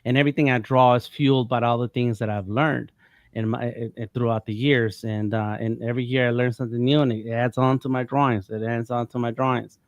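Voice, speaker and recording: A man's voice: mid-range voice, steady tone, brisk, dry recording, dull audio. A man in his fifties from the United States, talking casually on a panel, rambling with many restarts. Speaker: panel guest.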